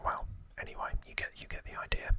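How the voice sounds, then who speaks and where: A man hosting ASMR whispers trivia, telling it like a story in a hushed, slow, and halting way.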